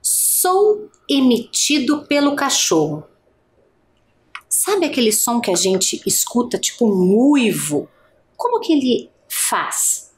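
A woman's voice: on the high side, darkish tone, a little hiss or hum. A woman teacher giving an adult literacy lesson, speaking patiently and stretching out each vowel sound.

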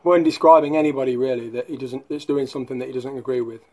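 A man's voice: medium pitch, steady tone, fast talker, a little mellow. A man hosting a casual vlog, talking in a mocking, sardonic way. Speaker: YouTube host.

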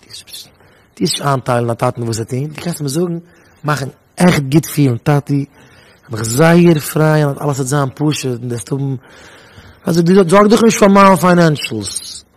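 Husky animated man giving a talk. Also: mid-range voice, moderate pace. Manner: animated, acts out children and parents' voices. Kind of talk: Yiddish lecture to students.

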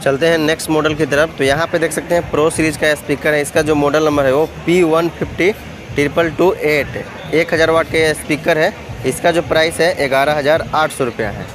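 Man, a bit high-pitched, steady repetitive vlogger delivery, noisy hall, phone recording. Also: fairly quick. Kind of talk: walkthrough vlog listing prices. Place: busy indoor trade expo hall.

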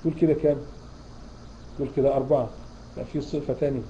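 A man with an Egyptian accent gives a tajweed lesson at a quick clip in a very dark, mellow voice. He keeps prompting his listeners with questions and repeats the key terms. The recording is muffled and lo-fi, with a faint hiss behind him. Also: mid-range voice, steady tone. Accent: Egyptian Arabic. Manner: explains in a questioning, repeating style. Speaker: Quran recitation teacher. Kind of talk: online tajweed lecture.

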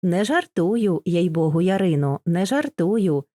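Woman voicing a young cossack, earnest gentle sorrowful, low mellow voice, dry close sound. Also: sing-song, a little slow, no echo.

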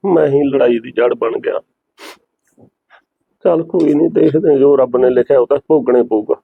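A man from Punjab playing an ailing, bedridden elder brother who speaks softly, resigned and eager to keep the peace. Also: medium pitch, normal speed, vocal fry, slightly rough, no echo. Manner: soft, resigned, peace-making. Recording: tinny, phone-like sound.

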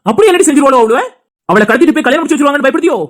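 A woman's voice: high-pitched, expressive, racing. Woman voicing a furious scolding husband. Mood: contemptuous. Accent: Tirunelveli Tamil. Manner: scolding, insulting, heated. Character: angry loyal husband defending his brother. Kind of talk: cartoon dialogue acting.

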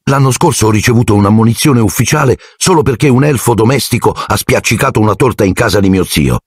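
A man's voice: sits low, sing-song, brisk, husky, dry recording, studio quality, full character voice. A man voicing an indignant teenage boy wizard who speaks bluntly and defiantly.

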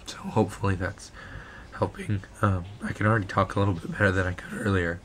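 A man in his twenties with a hoarse, lost voice that breaks into whisper, chatting casually to a vlog camera in a small bedroom. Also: low-pitched, steady tone, quick pace, fairly bright tone, a little hiss or hum. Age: 20s. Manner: weak on-and-off voice dropping to whisper. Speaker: vlogger.

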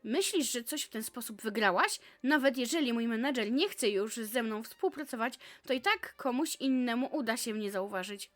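A woman's voice: a little high, animated, normal speed, hardly any pauses, natural voice. A woman reading a haughty scheming teen diva. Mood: cold. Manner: haughty, scornful. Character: scheming vain teen pop singer girl. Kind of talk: reading visual novel dialogue aloud.

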